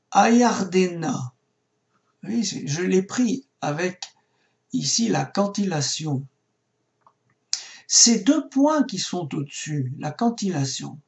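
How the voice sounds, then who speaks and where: Slow, patient man teaching Hebrew grammar. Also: high-pitched. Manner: slow, patient, spelling out words. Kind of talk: recorded lesson.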